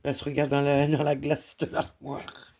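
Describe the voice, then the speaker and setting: A woman's voice: deep voice, completely flat delivery, a little slow, warm tone. A woman cross-stitch vlogger chatting casually while she stitches and talks fondly to her dog.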